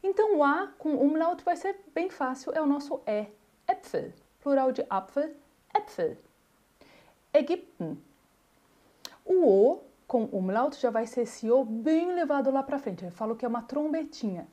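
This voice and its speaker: A woman gives a pronunciation lesson, sounding each example word out slowly and repeating it. Her voice sits a little high, with a soft, mellow tone. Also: lively intonation. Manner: models words slowly, repeats them. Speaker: German teacher.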